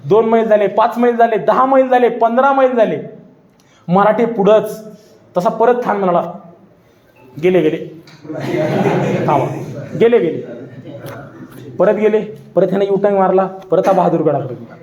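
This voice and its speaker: High-voiced dramatic male storyteller. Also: normal speed, darkish tone, highs cut off. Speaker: public speaker. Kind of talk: storytelling history lecture. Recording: echoey hall.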